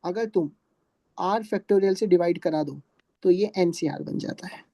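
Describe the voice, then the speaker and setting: A man's voice: high voice, moderate pace, mellow, no echo. A male teacher giving a live math lesson, who keeps asking his students questions and answering them himself in a patient, talky way. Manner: patient, calls students "beta". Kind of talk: classroom math lecture.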